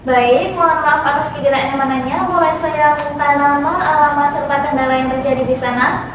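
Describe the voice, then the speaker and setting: A woman's voice: sits high, steady tone, normal speed, lightly acted. A woman playing a polite, apologetic wifi receptionist in an amateur role-play, speaking in a formal customer service voice. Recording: very echoey, distant, noisy room.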